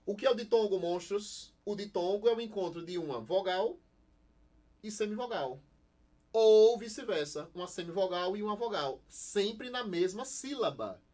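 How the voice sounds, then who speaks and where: A young Brazilian man with a lively, slightly high voice gives a recorded online class, asking the students questions and answering them himself. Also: normal speed. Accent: Brazilian Portuguese. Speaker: Portuguese teacher.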